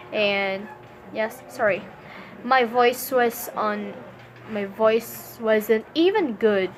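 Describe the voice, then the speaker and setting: A woman's voice: on the high side, a bit bright. A woman vlogging a casual Q&A with a stuffy runny nose, rambling, correcting herself and giggling as she goes. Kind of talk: casual Q&A vlog.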